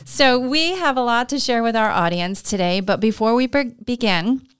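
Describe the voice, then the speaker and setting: Smooth-voiced woman podcast host. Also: a little high, animated, moderate pace, no echo. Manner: upbeat, friendly, with brief verbal restarts. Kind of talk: casual interview.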